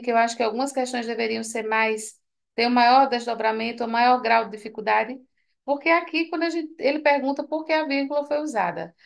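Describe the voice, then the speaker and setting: Woman teacher, tired, high gravelly voice, chatty exam walkthrough. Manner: chatty, asks students for confirmation. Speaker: Portuguese teacher. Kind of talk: exam correction lesson.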